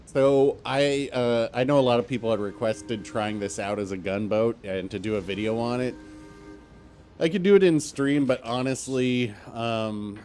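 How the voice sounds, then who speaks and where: A man's voice: medium pitch, moderate pace, a little mellow, a little hiss or hum. A man commentating his own live game stream in a rambling, conversational way with many fillers, sounding stuffy and a little hungover.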